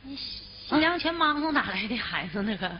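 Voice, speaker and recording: A woman playing a sharp-tongued Northeastern sister-in-law. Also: big pitch swings, a little hiss or hum. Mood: bickering. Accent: Northeastern Chinese. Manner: quick retorts, high sung lines. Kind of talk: errenzhuan stage singing and comic banter. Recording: dull stage recording with folk music.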